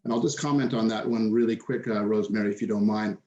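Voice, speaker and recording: A man's voice: fairly low pitch, fairly even intonation, fast talker, darkish tone, roomy sound, lo-fi sound. A man who runs a kava export company, speaking hesitantly on a webinar panel with many fillers.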